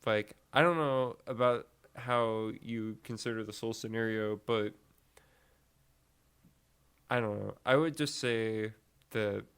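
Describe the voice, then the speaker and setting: A man's voice: on the low side, takes it slowly, fairly bright tone, clear, resonant tone. A young man co-hosting a podcast, chatting casually in a rambling way with lots of fillers and swearing. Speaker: podcast co-host. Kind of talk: casual chat.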